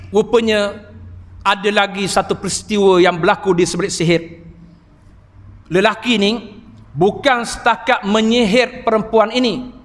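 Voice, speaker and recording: High-voiced preacher in a mosque. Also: male voice. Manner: animated storytelling, emphatic exclamations. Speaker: Islamic preacher and healer. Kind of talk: evening mosque sermon. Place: large mosque. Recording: reverberant mosque hall.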